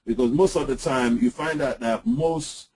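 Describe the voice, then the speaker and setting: A man's voice: mid-range voice, moderate pace, darkish tone, breathy edge, low-quality recording. A man co-hosting a marketing webinar, talking casually with many restarts and fillers. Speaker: webinar co-host.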